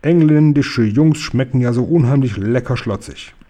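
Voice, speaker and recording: A man's voice: medium pitch, normal speed, dark tone, lightly acted. A man reading aloud and voicing a brutish giant who bawls and brags. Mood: gloating. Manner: bawling, drawn out. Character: brutish male man-eating giant, bragging.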